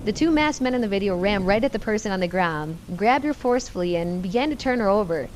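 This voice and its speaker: A woman's voice: mid-range voice, animated, quick pace, a little hiss or hum. A woman giving tense, first-person scripted horror story narration.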